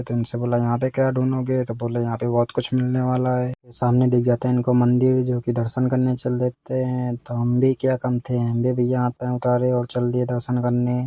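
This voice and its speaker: A man's voice: medium pitch, dry recording. A man narrating his outing vlog in a casual, storytelling way, saying "bhaiya" again and again. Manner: flat storytelling, rural Hindi phrasing, repeats "bhaiya" often. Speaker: vlogger.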